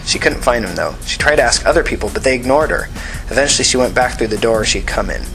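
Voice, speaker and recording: A man narrating an audiobook in a steady, even reading voice. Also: mid-range voice, fast, gravelly, faint music behind, low-quality recording.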